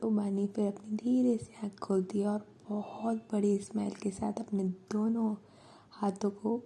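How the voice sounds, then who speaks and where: Female storyteller, whispered storytelling, soft and intimate, very dark breathy tone. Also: medium pitch, flat delivery, unhurried. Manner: soft and intimate, mixing English words. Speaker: storyteller, channel host.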